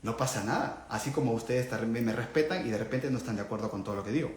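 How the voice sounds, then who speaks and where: A man's voice: medium pitch, fast talker. A man giving a live spiritual talk, explaining earnestly and checking in with his listeners through questions. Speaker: spiritual teacher. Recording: echoey room with faint background noise.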